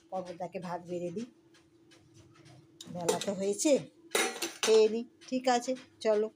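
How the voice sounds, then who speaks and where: In a noisy home kitchen, a woman with a mid-range voice cooks and chats with her audience in a casual vlog. She's talkative and addresses viewers as if they were friends.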